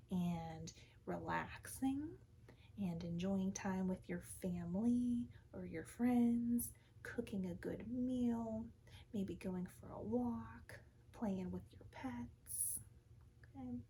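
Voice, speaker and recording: A woman in an ASMR role-play as a calm, soothing counselor, speaking softly and often in a breathy soft voice, gently reassuring in short repeated phrases. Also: medium pitch, slow, slight background noise, rough recording. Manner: calm, soothing therapist manner.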